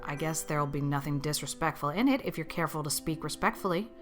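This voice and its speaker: A woman voicing a stern, practical older spinster in an audiobook, speaking in a brisk, grim, disapproving and matter-of-fact way. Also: low-pitched, faint music behind, pitched below the performer's own voice, lightly acted. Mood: flatly refusing. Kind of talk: audiobook character acting.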